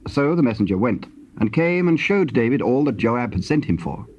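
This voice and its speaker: A man's voice: medium pitch, sing-song, darkish tone. Solemn British male narrator, muffled tape. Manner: solemn, measured storytelling. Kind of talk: scripted narration of King James scripture. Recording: dull, hissy old cassette tape.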